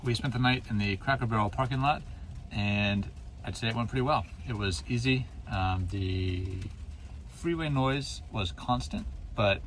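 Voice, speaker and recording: A man's voice: medium pitch, normal speed. A man chatting casually for a travel vlog inside a camper van, plain and matter-of-fact. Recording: steady noise, vehicle ambience.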